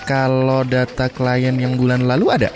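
A man's voice: medium pitch, monotone, moderate pace, music in the background, natural voice. A man playing a busy, absent-minded office boss in an ad. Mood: searching.

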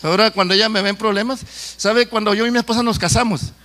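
A man's voice: high-pitched, fairly even intonation, quick pace, pushed and bright. A middle-aged man preaching a sermon, talking to the congregation in a conversational way with stories and jokes.

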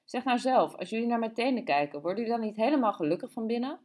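Woman reading as a flamboyant show-off lady in a storybook, higher and lively. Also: fast, natural voice. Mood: playful. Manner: playful, showing off. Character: flamboyant grown woman, vain and chatty.

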